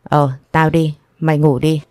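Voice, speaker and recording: A woman's voice: low-pitched, flat delivery, unhurried, warm tone, dry recording, studio quality. A woman voicing an angry, cold husband in an audio story, speaking harshly and with contempt. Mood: coldly mocking. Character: angry, cold adult husband in a marital fight.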